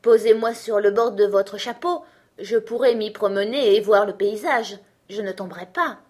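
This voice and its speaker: A woman's voice: medium pitch, normal speed, lightly acted. A woman voicing a tiny, clever peasant boy with an eager, cheeky way of talking, in a storybook reading. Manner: bright, eager, mocking.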